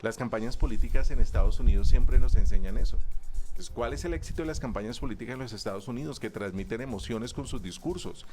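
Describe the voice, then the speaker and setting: Animated man coaching public speaking. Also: medium pitch, quick pace, soft background music. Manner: animated, acts out quoted voices. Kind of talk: conversational interview.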